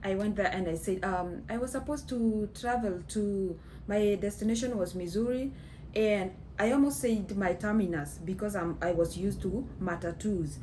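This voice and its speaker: This vlogger, a Kenyan woman in her thirties, has a mid-range, dark voice and a Kenyan accent. Speaking slowly to the camera from a small home room, she chats through a story with plenty of fillers and bits of Swahili, on a rough recording with a little hiss or hum.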